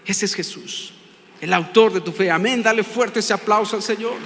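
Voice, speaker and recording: A man's voice: high-pitched, normal speed, a bit bright, some chatter behind, slight background noise. A pastor with a Mexican accent preaching a sermon, stressing his points and putting questions to the congregation. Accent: Mexican Spanish. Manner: emphatic, asks the congregation questions. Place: church sanctuary. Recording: long reverb of a large hall.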